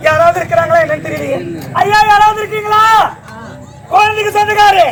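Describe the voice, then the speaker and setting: A man in a street theatre troupe playing a tender young village woman about to marry, with a loud, declamatory stage delivery. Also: extremely high pitch, fairly quick. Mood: soothing. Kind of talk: outdoor street theatre acting. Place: outdoor street stage with a crowd. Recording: noisy outdoor crowd recording.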